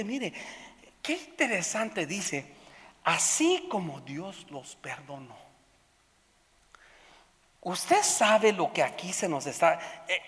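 A pastor preaching a sermon, swinging from loud emphatic bursts to hushed low passages, often repeating words as he searches for the next thought. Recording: long reverb of a large hall.

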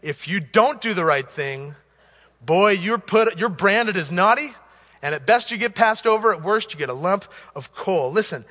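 Male pastor, high bright voice, emphatic sermon delivery, long church reverb, dull sound. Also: expressive, moderate pace. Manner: earnest, emphatic preaching with repeated phrases. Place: church sanctuary.

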